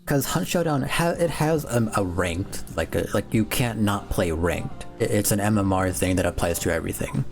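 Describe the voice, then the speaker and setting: Male reaction streamer, lowish voice, conversational and rambling, unscripted, light music underneath. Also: animated, normal speed, hardly any pauses. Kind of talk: casual off-the-cuff reaction commentary. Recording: music behind the voice. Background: background music.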